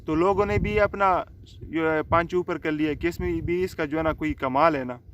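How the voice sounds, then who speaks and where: A man's voice: a little high, steady tone, normal speed, lo-fi sound, a little hiss or hum. A man casually telling a folk tale aloud, rambling with many fillers and restarts. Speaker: storyteller. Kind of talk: casual oral storytelling.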